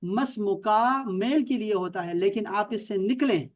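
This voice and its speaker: A man's voice: sits high, a little mellow. A man from Pakistan teaching Arabic in an online class, explaining patiently, repeating words and checking that his students follow.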